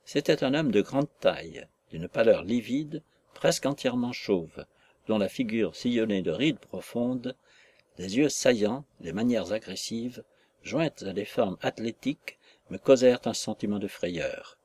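A man narrating a classic novel in a measured, literary storytelling manner. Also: on the low side, expressive, a little mellow, breathy edge. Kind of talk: audiobook narration.

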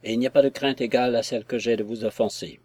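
A man's voice: mid-range voice, fairly even intonation, fast, warm tone, no room sound, lightly acted. A man voicing a young lover, anxious and ardent, who pleads fervently.

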